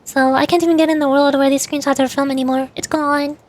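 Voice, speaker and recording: Reading chat messages aloud as she scrolls through old screenshots, a young female streamer chats and rambles with her audience. She talks quickly in a high-pitched, level voice.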